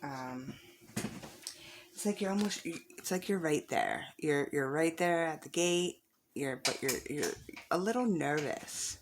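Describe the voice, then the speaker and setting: A low-sitting female voice with a faint hiss or hum gives a casual tarot reading aimed at the viewer. She's encouraging and reassuring, repeating phrases for emphasis as she goes through the cards.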